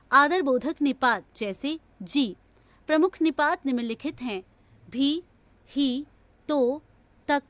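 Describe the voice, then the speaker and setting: A woman reading a grammar lesson from a textbook in a slow, measured, even delivery. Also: high voice, no echo. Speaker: textbook audio reader.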